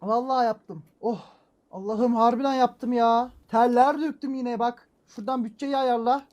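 A man hosting a gaming channel, commenting on his own play as he goes, muttering to himself and breaking into loud frustrated exclamations and mild swearing. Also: very high voice, normal speed, dull audio. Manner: talks to himself while playing, excitable, frequent exclamations and mild swearing; swings between calm muttering and loud frustrated outbursts. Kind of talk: let's-play gameplay commentary.

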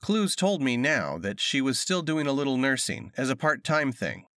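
A man narrating an audiobook with expressive storytelling, recorded close on a USB condenser mic in a sound-treated home studio. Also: mid-range voice, normal speed, dry recording.

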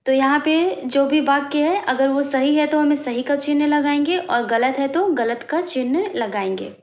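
A woman teacher slowly working through a worksheet, explaining each answer step by step as she writes. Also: sits high, reverberant. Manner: slow, explaining step by step while writing. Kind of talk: worksheet walkthrough lesson.

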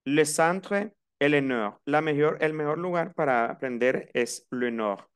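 A man's voice: a little high, unhurried, clean tone. A man with a Colombian Caribbean coast accent teaching a class, switching between Spanish and French and repeating words patiently for his students.

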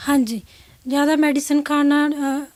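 A woman's voice: high voice, little pitch movement, moderate pace, darkish tone. A woman doctor giving brief, matter-of-fact explanations in a health interview.

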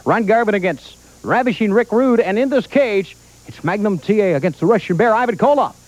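High-pitched male wrestling promo announcer. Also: animated, a little fast, a little mellow, low-quality recording. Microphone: handheld microphone.

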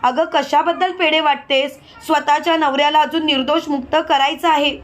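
A woman voicing a stubborn mother-in-law who scolds loudly. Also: sits high, steady tone, normal speed, lightly acted. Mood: scolding. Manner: scolding, loud.

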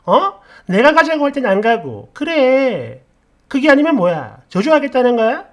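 Woman reader doing a touchy young bride, loud, accusatory, pitch jumping all over. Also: sing-song, normal speed. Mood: mocking. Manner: accusing, sharp, raised voice. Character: indignant devout young woman, quick to take offense.

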